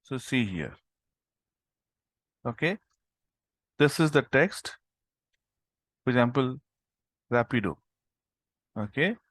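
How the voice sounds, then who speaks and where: A man's voice: medium pitch, big pitch swings, slow pace, long pauses, a bit bright, dry recording. A man teaching a live coding tutorial over an online call, explaining step by step with frequent "okay" and "right?". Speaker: instructor.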